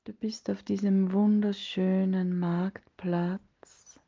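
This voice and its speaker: A woman leading a guided meditation in a soft, breathy, partly whispered voice, soothing and hushed, with long pauses between phrases. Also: mid-range voice, level tone, lo-fi sound.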